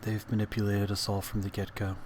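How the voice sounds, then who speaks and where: An exhausted elderly scientist records a diary, full of guilt, performed by a man at a game table. The weary old man voice is fairly low, halting and labored, with slight noise behind it. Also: monotone, darkish tone, natural voice. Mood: grave, exhausted.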